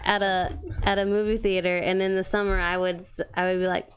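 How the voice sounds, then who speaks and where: A woman from California co-hosting a podcast, chatty and prompting, telling quick stories. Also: mid-range voice, level tone, over music. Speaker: podcast co-host. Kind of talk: casual podcast chat.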